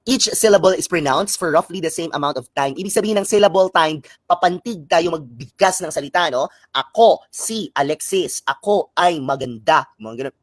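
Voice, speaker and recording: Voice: medium pitch, brisk, hardly any pauses, dry recording. A speaker from the Philippines with a Filipino accent, giving a live-streamed exam review lecture that mixes Filipino and English, often tagging sentences with a questioning "no?" and explaining terms through examples.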